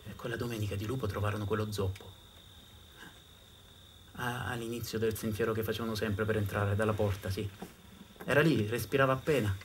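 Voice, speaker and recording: A man performing a theatrical storytelling monologue on stage, shifting from hushed to loud. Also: lowish voice, steady tone, brisk, pauses often, a little hiss or hum. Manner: dramatic, swings from hushed to loud. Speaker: storyteller actor.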